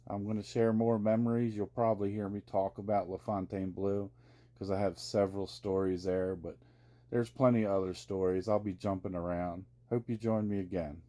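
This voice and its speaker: A man's voice: fairly low pitch, fairly even intonation, normal speed, warm tone. A man telling personal stories to viewers in a casual, rambling, conversational way, like a vlogger sharing memories.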